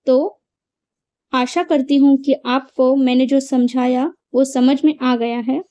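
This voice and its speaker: Slow, high-voiced woman teaching grammar. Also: steady tone, dark tone. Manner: clear, deliberate, repeating examples for emphasis. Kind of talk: explaining Hindi grammar lesson.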